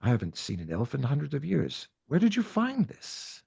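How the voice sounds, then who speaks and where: Man voicing an ancient gravelly rat king. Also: mid-range voice, huge pitch swings, moderate pace, darkish tone, dull audio, exaggerated voice. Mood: astonished. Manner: grave, judging, regal. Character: ancient male rat king ruling rat people.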